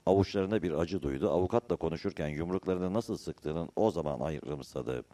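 A man narrating a novel in a measured storytelling manner. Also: deep voice, dark tone. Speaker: audiobook narrator.

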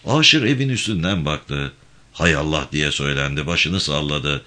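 A man reading a novel aloud, expressive and raising his voice for the characters' lines. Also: rumbling low, moderate pace. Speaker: audiobook reader. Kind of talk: read-aloud novel narration.

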